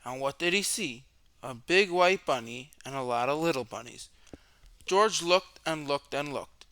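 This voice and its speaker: A man reads a children's storybook aloud to young listeners, narrating expressively with dramatic questions and drawn-out words. His voice sits a little high, and the recording is dry.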